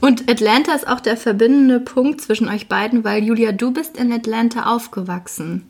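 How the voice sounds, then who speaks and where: Female podcast host, slightly high, gravelly fry, upbeat interviewer. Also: moderate pace, darkish tone. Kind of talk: casual interview chat.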